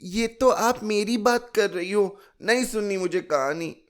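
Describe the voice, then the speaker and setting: A man voicing a stubborn, tearful six-year-old girl in a high, whiny childish voice. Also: a little slow. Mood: petulant.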